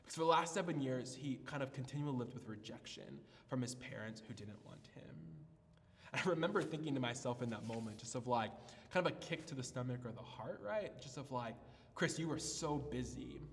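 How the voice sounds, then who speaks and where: Pastor preaching in a reverberant church hall. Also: male voice, medium pitch, animated, fairly quick. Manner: storytelling with many restarts and fillers. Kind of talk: sermon.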